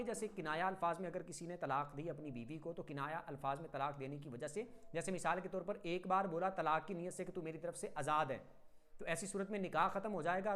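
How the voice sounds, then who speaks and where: A man's voice: fairly high pitch, fairly bright tone. A man from Pakistan giving a religious lesson as an Islamic teacher, firm and methodical, running through example phrases one after another. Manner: firm, instructive.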